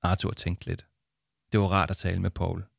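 Lav, knirkende mandlig fortæller. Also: male voice, low-pitched, monotone, gravelly, no echo, clean studio sound. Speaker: narrator. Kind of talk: storybook narration.

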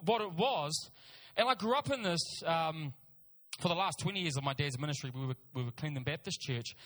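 A middle-aged man from Auckland, New Zealand, preaches a sermon in a high, sharp-toned voice with a New Zealand accent. He tells personal stories, driving points home with emphatic repeated phrases and tossing in informal asides, and the hall around him is reverberant.

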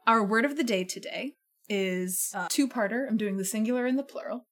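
A woman with a fairly high voice talks fairly quickly over faint music. Hosting a radio show from a living room studio, she chats casually and patiently explains words, laughing often.

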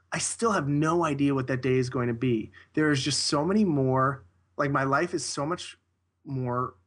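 A man's voice: mid-range voice, fairly bright tone. A man talking casually as an interview guest, rambling and correcting himself as he goes. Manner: rambling, self-correcting, with frequent restarts.

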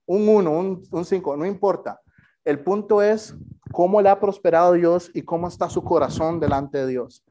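A man's voice: high-pitched, normal speed, warm tone. A man preaching a sermon in a conversational way, often putting direct questions to his congregation. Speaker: pastor.

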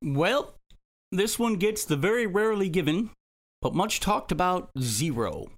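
A man's voice: sits high, animated, a little slow. A man co-hosting a film review discussion, delivering an emphatic, scathing and long-winded critique. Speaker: film review show co-host.

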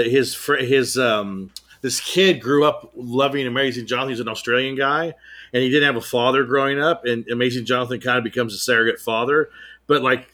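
A young man co-hosting a podcast, telling stories animatedly in casual chat. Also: medium pitch. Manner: animated storyteller, laughs often. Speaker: podcast co-host.

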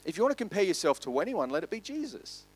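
A man preaches a sermon in a high-pitched, sing-song voice with a breathy edge. He speeds up and gets loud through lists, then drops to quiet, slow emphasis.

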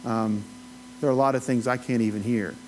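A man's voice: mid-range voice, fairly even intonation, brisk, a little mellow, a little hiss or hum, low-quality recording. A man with an Appalachian accent teaching a Bible study in a conversational, folksy way, with rambling asides and questions to his listeners. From Appalachia, United States. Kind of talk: informal teaching, conversational lecture.

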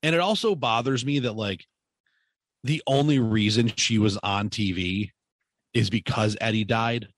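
A man's voice: fairly low pitch, unhurried, no echo. A man chatting casually on a podcast, rambling and joking crudely.

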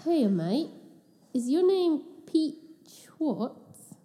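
A woman's voice: sits high, big pitch swings, drawn-out words, warm tone, in a large hall, heavily acted. A woman voicing a pushy detective with a put-on New Zealand accent, breezy and slangy. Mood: brash.

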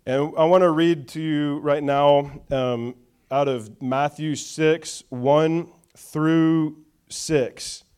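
A man's voice: a little high, steady tone, extremely slow, hardly any pauses, a little mellow, smooth. A man preaching a sermon to a church, reading scripture with call-and-response and chatty asides. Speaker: pastor.

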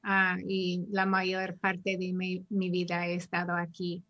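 A woman from the United States, an author and activist, answering interview questions gently and searching for words. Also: fairly low pitch, completely flat delivery, slow, muffled recording. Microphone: video call.

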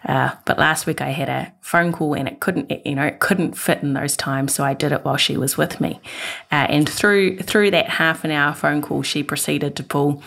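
A woman host with a low voice and a gravelly fry shares stories about her toddler in an open, chatty way. She talks easily and candidly. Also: fairly even intonation, moderate pace, a bit bright. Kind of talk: casual chat.

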